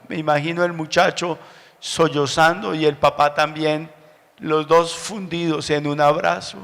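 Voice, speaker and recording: A man from Colombia with a Bogotá accent, preaching a sermon as a pastor, telling stories slowly and building up to loud preaching. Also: high voice, vocal fry. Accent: Bogotá Spanish. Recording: long hall reverb.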